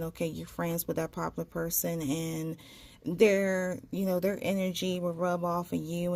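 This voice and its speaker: Female tarot reader, lowish gravelly voice, casual and halting delivery, speech slightly caught by a tongue ring. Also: a little mellow. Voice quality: slight impeded articulation from a tongue piercing. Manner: halting, searching for words, repeats phrases. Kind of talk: casual spoken tarot reading.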